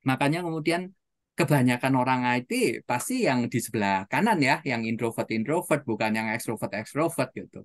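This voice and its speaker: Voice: mid-range voice, lively intonation, fairly quick. A seminar trainer telling anecdotes, asking the audience rhetorical questions and tagging phrases with casual asides. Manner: storytelling, with frequent rhetorical questions and "gitu ya" tags. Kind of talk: motivational seminar talk.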